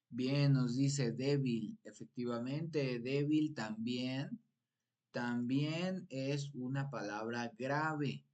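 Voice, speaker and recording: Slow, patient male teacher. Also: medium pitch. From Mexico. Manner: slow, patient explaining, prompts viewers with repeated questions. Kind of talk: live-streamed exam prep lesson.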